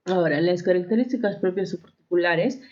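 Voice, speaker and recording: Peruvian teacher with constant tag questions. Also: female voice, fairly low pitch, fairly quick, darkish tone, muffled recording. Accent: Peruvian Spanish, Arequipa. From Peru. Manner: frequent tag questions and self-corrections. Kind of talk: classroom lesson.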